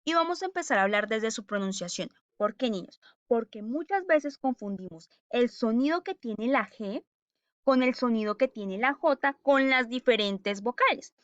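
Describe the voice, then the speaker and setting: High-voiced patient woman teaching children. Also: lively intonation, dry recording, highs cut off. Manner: patient, repeats syllables slowly, checks in with "¿cierto?" and "¿listo?". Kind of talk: recorded online language lesson for children.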